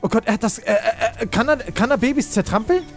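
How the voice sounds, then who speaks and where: Ein Mann, der aufgeregt ein Spiel kommentiert, in Panik ruft und fleht und viel Jugendslang benutzt. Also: male voice, very high voice, fairly quick, soft background music. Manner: excitable, shouts and pleads in panic, youth slang. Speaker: let's play host. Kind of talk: excited gaming commentary.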